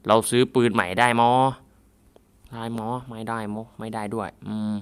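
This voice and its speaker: A man giving playful, jokey commentary on a mobile zombie game, bursting into shouts and mock samurai lines. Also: fairly low pitch, little pitch movement, normal speed, slight background noise.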